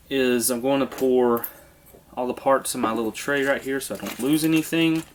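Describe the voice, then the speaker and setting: A congested man walks through a build step by step indoors, relaxed and casual. His voice sits at a middle pitch. Faint room noise hums behind him. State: congested from a sinus infection. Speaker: airsoft video host. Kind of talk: hands-on how-to demonstration.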